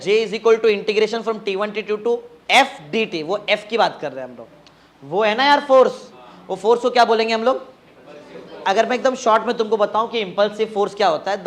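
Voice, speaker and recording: A male physics tutor, teaching a live class in a coaching classroom, quizzing students and repeating phrases to drive points home. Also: sits high.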